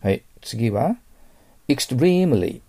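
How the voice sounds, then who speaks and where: A man's voice: lowish voice, expressive, fairly quick, gravelly, mellow, husky, dry recording. A man with a Japanese accent teaching English vocabulary, patiently explaining words and exaggerating his English pronunciation so learners can copy it. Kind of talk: lecture-style vocabulary lesson.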